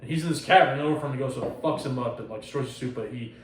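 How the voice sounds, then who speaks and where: A man's voice: mid-range voice, very fast, slight background noise. A man hosting a casual podcast, retelling a story with lots of swearing and laughter. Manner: profane, excited retelling, laughs often. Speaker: podcast host. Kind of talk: casual chat. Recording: roomy echo, distant mic, faint ambience.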